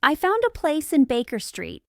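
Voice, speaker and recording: A woman reading the lines of an eccentric young male detective in a calm, precise, matter-of-fact way. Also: sits high, moderate pace, creaky, dry recording, studio quality, voice pushed up, heavily acted.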